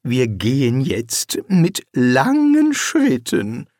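A man's voice: medium pitch, wildly swooping pitch, extremely slow, a little mellow, no echo, clean studio sound, exaggerated voice. A man reading an audiobook, voicing a nervous, cowardly male wizard who is wary and sly. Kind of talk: audiobook character voice.

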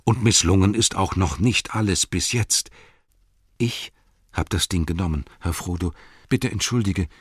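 A man's voice: low-pitched, unhurried, husky, dry recording, clean studio sound. A man voicing a loyal, earnest male hobbit servant in an audiobook, protective and determined. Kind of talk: audiobook character voice.

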